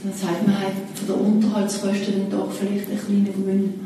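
A woman's voice: mid-range voice, monotone, fairly quick, dark tone, slight background noise. Distant woman interviewer. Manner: curious, engaged questioning. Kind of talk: conversational interview questions. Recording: distant voice in an echoey room.

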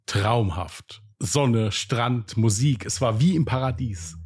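A man's voice: medium pitch, takes it slowly, a little mellow, husky, voice pushed down. A man playing a proud, boastful ninety-year-old man in a told joke.

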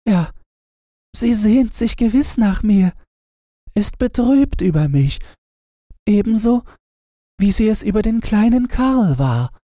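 A man's voice: expressive, slow pace, long pauses, dark tone, no room sound, studio quality. A man voicing an earnest little girl. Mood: wistful. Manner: high pleading girlish voice. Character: a young girl searching, earnest and sad.

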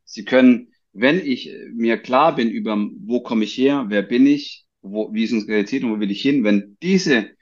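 Male podcast host, gravelly, fairly low voice, halting delivery, dull lo-fi audio. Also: a little mellow. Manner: halting, reworks sentences mid-thought. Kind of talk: conversational interview.

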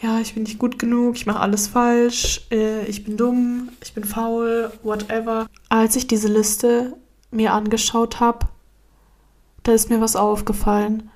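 A woman's voice: on the high side, level tone, a little slow, darkish tone. A young woman talking candidly and casually to her viewers in a personal self-help vlog. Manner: casual, candid, slangy, addressing viewers directly. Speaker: vlogger.

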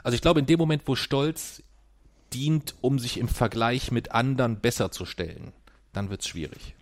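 A man's voice: mid-range voice, moderate pace. A man in his forties talking casually with his son, teasing and arguing, sometimes acting out what others said. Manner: teasing, argumentative, acts out quotes. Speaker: father. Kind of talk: casual family conversation.

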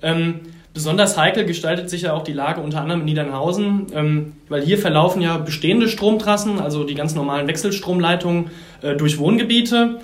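A quick, fairly high-voiced man hosts a podcast, reading his intro from a script before moving on to long, winding questions. The room around him rings with echo. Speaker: podcast host. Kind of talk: podcast interview.

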